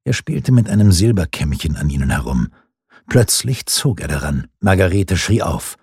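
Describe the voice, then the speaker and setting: A man narrating a historical novel in a measured, dramatic storytelling manner. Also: low-pitched, very animated, gravelly, a little mellow, husky, dry recording, clean studio sound. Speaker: audiobook narrator. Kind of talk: scripted narration.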